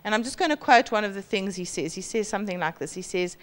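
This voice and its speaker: A woman in her forties with a South African accent, preaching a sermon on a church stage into a handheld mic and mimicking boastful people. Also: fast. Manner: lively, acts out boastful voices with high pitch jumps. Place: large church hall stage.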